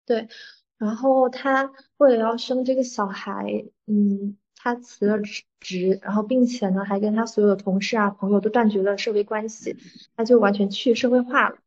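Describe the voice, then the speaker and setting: A young woman with a southern Min, Taiwanese-sounding accent speaks at a middle pitch. She tells personal stories casually, pausing to think and mixing in the odd English word. The recording is slightly dull and band-limited. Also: fairly even intonation, darkish tone. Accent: southern Min, Taiwanese-sounding Mandarin. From southern Fujian (Minnan), China. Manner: hesitant, reflective, mixes in English words. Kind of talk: personal storytelling in casual conversation.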